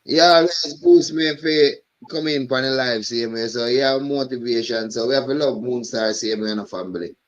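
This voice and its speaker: A man's voice: medium pitch, fairly even intonation, normal speed, few pauses, lo-fi sound. A man hosting a live stream, chatting loosely and often repeating "you know what I mean". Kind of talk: casual chat.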